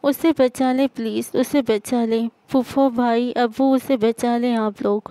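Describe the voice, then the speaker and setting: A woman's voice: a little high, steady tone, mellow, no room sound, close to an everyday voice. A woman reading the lines of a young girl who stammers through tears over her sick pigeon. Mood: sobbing.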